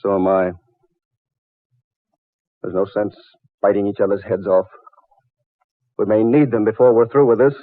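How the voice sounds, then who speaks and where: A man playing a skeptical, level-headed yacht-owning gentleman in an old-time radio drama, with a thin AM radio sound. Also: on the low side, fairly even intonation, normal speed, long pauses, natural voice. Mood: conciliatory. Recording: tinny old AM radio recording.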